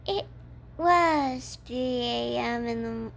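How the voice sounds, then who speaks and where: A woman's voice: on the high side, takes it slowly, creaky, slight background noise. A woman playing a cheerful, obsessive yandere kidnapper in an ASMR role-play, talking coyly and matter-of-factly to a captive listener. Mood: matter-of-fact, fond. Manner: matter-of-fact, coy, addresses the listener as captive.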